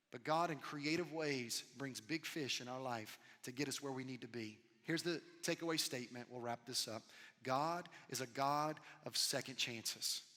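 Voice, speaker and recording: A man pastor preaching a sermon in an animated, conversational way, with sudden loud bursts. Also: medium pitch, in a large hall.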